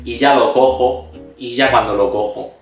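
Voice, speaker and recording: A man's voice: mid-range voice, steady tone, moderate pace. A man, hosting a cooking channel and telling an exaggerated story in casual chat. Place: home kitchen. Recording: echoey room, mic at a distance, background music.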